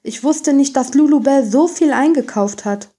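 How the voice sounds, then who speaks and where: A woman's voice: high voice, moderate pace, mellow, pitched above the performer's own voice, lightly acted. A woman voicing a helpful little male circus bear in a bedtime story, good-natured and a bit breathless. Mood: cheerful.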